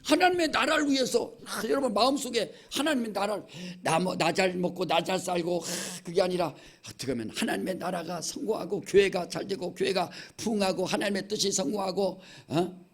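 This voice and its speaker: A man's voice: high voice, fairly quick. A middle-aged male pastor from Chungcheong, with a Chungcheong accent, preaching an emphatic sermon and often prodding the congregation. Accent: Chungcheong Korean. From Chungcheong, Korea. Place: church sanctuary.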